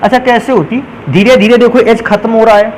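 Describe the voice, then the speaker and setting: A man's voice: extremely high pitch, steady tone, brisk, a little hiss or hum, rough recording. A male chemistry teacher lecturing a class, calling students "beta" and answering his own questions as he goes. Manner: calls students "beta", asks questions and answers them himself.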